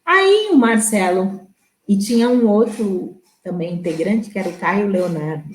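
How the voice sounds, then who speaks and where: A woman's voice: mid-range voice, lively intonation, a little slow. A woman, a guest in a live web interview, telling a story and acting out the people she quotes. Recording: roomy echo.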